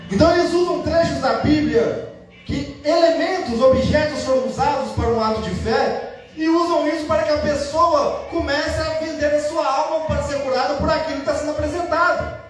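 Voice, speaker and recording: High-voiced pastor, echoey distant hall. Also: male voice. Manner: animated, acts out the people in the story with a raised excited voice. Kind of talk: sermon. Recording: echoey church hall heard from far off.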